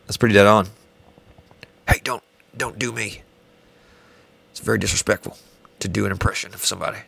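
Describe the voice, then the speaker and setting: Gravelly man in rambling comedic banter. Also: on the low side, brisk. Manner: rambling deadpan absurd bits, many restarts.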